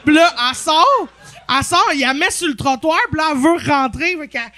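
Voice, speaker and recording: A woman with a Québécois accent, a podcast guest telling a story in lively casual chat, swearing freely. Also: high voice, a little fast, slight background noise.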